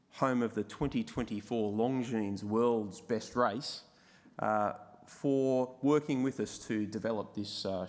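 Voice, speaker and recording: A man's voice: on the low side, a little mellow. A man speaking formally as he introduces a video presentation at a conference. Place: large echoing indoor hall. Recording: reverberant hall.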